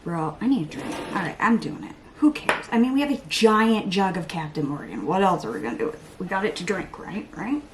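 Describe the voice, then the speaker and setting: A woman's voice: fairly low pitch, sing-song, brisk, hardly any pauses, noisy background. A woman in her thirties chatting casually while doing her makeup at home, rambling and talking to herself. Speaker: beauty vlogger. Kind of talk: casual get-ready-with-me chat.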